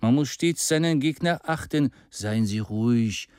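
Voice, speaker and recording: A man's voice: mid-range voice, unhurried, a little mellow, clear, resonant tone, dry recording, studio quality, natural voice. An eager, persuasive adventurer, as a male reader puts him on. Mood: urging.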